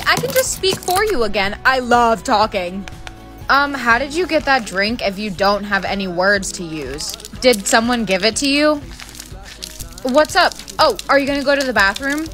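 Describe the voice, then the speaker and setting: Woman playing a snarky bratty teen girl. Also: high-pitched. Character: bratty teenage sister and friends. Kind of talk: acted POV skit.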